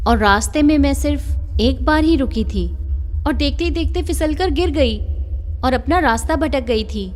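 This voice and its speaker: An actress dubbing a confused young woman who got lost while trekking and tries to remember what happened. Soft music plays behind her. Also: on the high side, natural voice. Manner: worried, searching. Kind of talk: Hindi film dubbing. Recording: film soundtrack with faint music.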